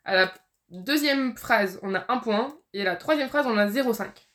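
Woman, higher-pitched voice, French speaker, rambling, lots of fillers, book podcast host. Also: normal speed, fairly bright tone. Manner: rambling, many fillers and restarts. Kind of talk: casual chat about books.

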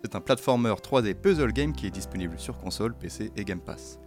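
A man's voice: fairly low pitch, expressive, fairly quick, a little mellow, soft background music. A man hosting a game development podcast, chatting in a friendly, hesitant way with many fillers. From France. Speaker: podcast host. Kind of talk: conversational interview.

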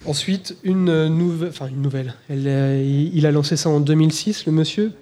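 This is a man talking casually on a live podcast. His pitch sits a little high, and his tone is dark and mellow. He hesitates a lot, restarting sentences and filling gaps with "euh". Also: a little fast. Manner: hesitant, many fillers and restarts. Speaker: podcast co-host presenting whiskies. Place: live event recording.

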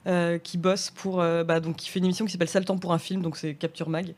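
A woman's voice: on the low side, flat delivery, quick pace, a little mellow. A woman from France talking casually as a guest on a chat show, laughing often and trailing off with fillers.

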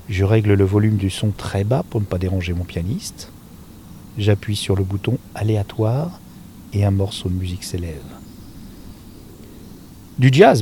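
Low, dark-voiced man reading a novel. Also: slight background noise. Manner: calm, intimate narration with soft, quiet trailing endings. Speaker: reader. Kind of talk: audiobook-style reading of a novel. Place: outdoors in nature.

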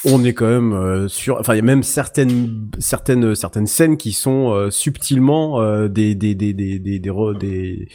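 A man, co-hosting a casual podcast, chatty and quick to tease. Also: lowish voice, steady tone, warm tone, faint music behind. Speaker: podcast co-host.

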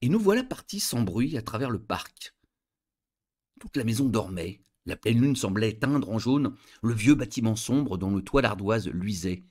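A man reading a story aloud as narrator in an expressive, dramatic way. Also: lowish voice, unhurried.

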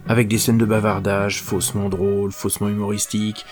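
A man's voice: on the low side, flat delivery, fairly quick, music in the background. A man giving a comic spoken film review in a sardonic, exasperated manner.

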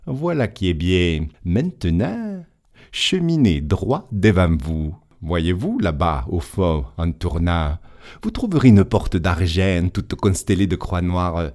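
A man voicing a kindly old male saint who keeps heaven's gate, speaking gently and patiently in a told tale. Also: low-pitched, very animated, slow pace, pitched below the performer's own voice, heavily acted. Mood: gentle. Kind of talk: audiobook storytelling.

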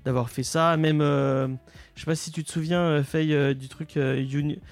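A man hosting a casual podcast chat, halting and searching for his words as he goes. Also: a little high, steady tone, no room sound, faint music behind. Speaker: podcast host.

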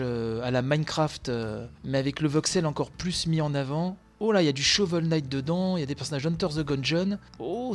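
A man hosting a video game news show from home, commenting live on trailers in a casual, excited, slangy way. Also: medium pitch.

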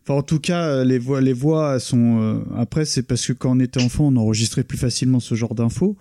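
A man's voice: mid-range voice, fairly quick, mellow, no room sound, studio quality. A man hosting a casual podcast chat in a teasing, conversational way. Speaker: podcast host.

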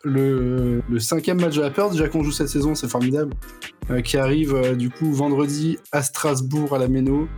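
Guy hosting a footy podcast, sweary and self-mocking, average pitch, bit of music behind. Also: steady tone, normal speed, darkish tone. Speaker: podcast host. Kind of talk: casual football podcast chat.

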